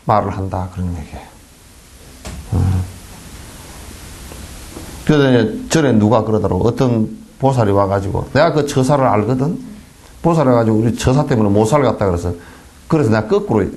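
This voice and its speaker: A man with a Gyeongsang Korean accent, a Buddhist monk giving a folksy dharma lecture in a temple hall, full of rhetorical questions and mimicked flattery. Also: mid-range voice.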